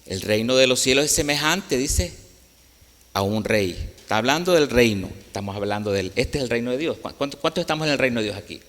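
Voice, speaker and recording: A man's voice: medium pitch, expressive, a little fast, a bit bright. A man preaching a sermon, speaking earnestly and directly to the congregation in a church. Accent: Latin American Spanish. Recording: echoey hall with long reverb.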